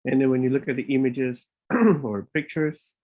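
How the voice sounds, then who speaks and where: A man leads a live webinar from his home office through a laptop microphone. His talk is loose and informal, full of fillers and restarts, and he sounds a bit out of breath. His pitch sits in the middle range for a man. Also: steady tone, normal speed, a little mellow. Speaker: immigration consultant and webinar host.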